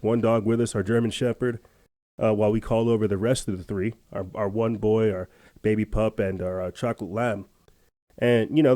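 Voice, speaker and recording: Guy hosting a podcast, rambling chatty story, lots of uhs, low mellow voice. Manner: rambling, chatty, with many fillers and restarts. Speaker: podcast host. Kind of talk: casual storytelling monologue.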